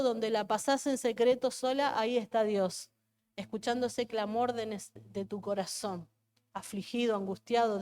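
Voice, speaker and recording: A woman's voice: fairly high pitch, a little mellow. A woman pastor with an Argentine accent preaching a fervent sermon at a church service, repeating her phrases and asking the congregation questions. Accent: Argentine Spanish.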